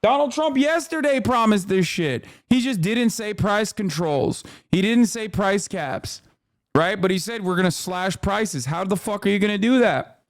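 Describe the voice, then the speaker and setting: A man's voice: sits high, animated, normal speed, no echo, clean studio sound. A man live-streaming political reaction commentary, talking in a profane, emphatic way and often tagging "okay?" onto his points.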